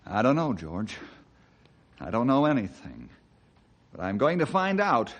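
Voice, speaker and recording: An actor playing a calm, kindly, confident Western ranger in an old-time radio drama, with a folksy, earnest, reassuring manner. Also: male voice, medium pitch, measured pace, muffled recording. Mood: calm, determined.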